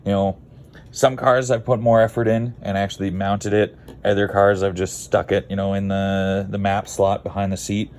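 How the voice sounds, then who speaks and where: A Canadian man who makes car videos rambles through a casual how-to vlog, laid-back, blunt, and prone to digressions. His voice is lowish and a little dark, with a level tone and normal speed.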